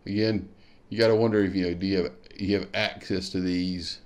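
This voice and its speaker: A man with a low, steady voice moves briskly through a screen-share tutorial for his kayak fishing show, clicking around a map and thinking aloud with the occasional hmm.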